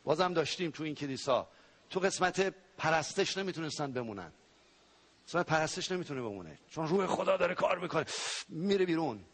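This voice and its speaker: Male pastor, born in Iran, higher register, animated pulpit delivery with loud outbursts. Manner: animated preaching, sound effects and sudden loud cries. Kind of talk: sermon.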